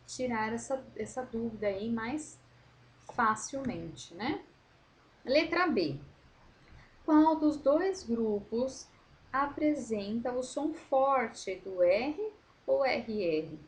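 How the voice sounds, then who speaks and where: A woman teacher correcting a worksheet for young pupils, slowly modelling words and explaining patiently. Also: on the high side, slight background noise. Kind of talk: correcting a school worksheet for children.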